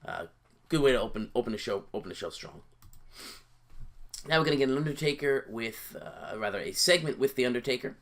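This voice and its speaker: A man casually talking through his wrestling booking game, halting with fillers and repeated words, a bit sleepy and yawning. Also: medium pitch, animated, a bit bright. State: sleepy, yawning early in the day. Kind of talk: casual gameplay commentary.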